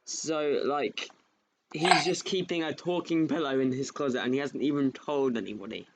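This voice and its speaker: A man chatting casually as a co-host, questioning things in a halting way and repeating his phrases. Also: fairly high pitch, rough recording. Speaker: co-host interrupting the story. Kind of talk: casual chat.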